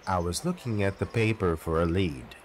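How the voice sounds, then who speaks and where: A man voicing an aloof male detective who speaks in a low, terse and flat way. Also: moderate pace, slight background noise.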